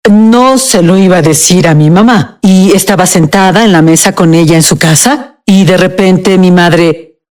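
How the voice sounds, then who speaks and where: A woman's voice: lowish voice, a little mellow. Woman telling a painful personal story. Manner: emotional, halting, with restarts. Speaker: guest. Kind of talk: personal testimony in a TV interview, Spanish dub.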